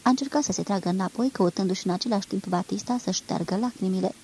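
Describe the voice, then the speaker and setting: Mellow-voiced woman reading a novel. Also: mid-range voice, slight background noise, low-quality recording. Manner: measured, expressive storytelling. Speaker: reader. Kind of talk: literary audiobook reading.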